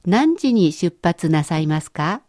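A woman teaching a language lesson in a clear, encouraging way, explaining step by step. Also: lowish voice, big pitch swings, measured pace, mellow, no room sound, studio quality.

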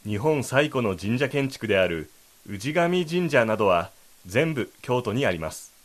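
A man's voice: medium pitch, sing-song, moderate pace. A man co-hosting a language lesson, explaining and rephrasing lines in a polite, explanatory manner. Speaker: co-host.

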